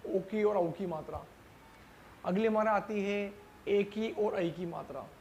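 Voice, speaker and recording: A man teaching a language lesson. He explains slowly, asks himself questions and answers them, and stretches out example syllables carefully. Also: high-pitched, a little mellow, a little hiss or hum. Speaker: Urdu teacher. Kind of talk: classroom-style language lesson.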